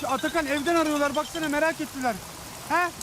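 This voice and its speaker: A man's voice: very high-pitched, steady tone, fast talker. An actor playing a worried, eager young man in a TV drama, insistently offering help. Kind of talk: TV drama acting. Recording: loud rain noise outdoors.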